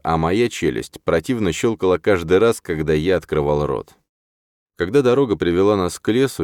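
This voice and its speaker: A man narrating a first-person story as an audiobook, in a steady, measured manner. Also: rumbling low, no echo, clean studio sound.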